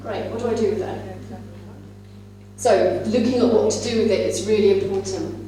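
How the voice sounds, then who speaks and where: A woman's mid-range, mellow voice keeps a steady tone at a moderate pace. She is a teacher trainer speaking at a conference, explaining in a conversational manner in a large indoor conference room. The distant mic captures her from afar in a very reverberant, echoey hall with a faint hum.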